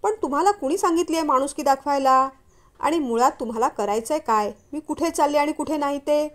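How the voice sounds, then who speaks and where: A sharp-tongued young woman, suspicious and angry, as the storyteller voices her. She scolds in a high, raised voice with a biting edge. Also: fairly quick. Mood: scornful.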